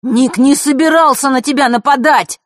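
A woman's voice: high voice, moderate pace, no echo, clean studio sound, pitched above the performer's own voice, close to an everyday voice. Woman doing a curt, defiant teenage boy. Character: proud, hot-tempered teenage boy.

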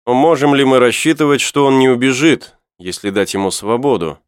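A man's voice: medium pitch, moderate pace, smooth, no echo, studio quality, voice pushed up, close to an everyday voice. Storybook journalist, thoughtful and inquiring, read by a man. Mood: questioning.

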